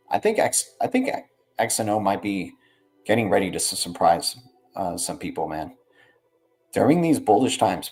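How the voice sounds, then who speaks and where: A livestream host with a low, darkish voice offers casual, slangy market commentary. He rambles along, tagging his phrases with "right" and "man."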